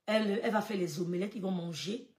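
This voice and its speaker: A woman telling a personal story in casual French, swinging between loud quoted lines and quiet asides, with stammers and laughs. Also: medium pitch, fast, roomy sound. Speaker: storyteller recounting gossip.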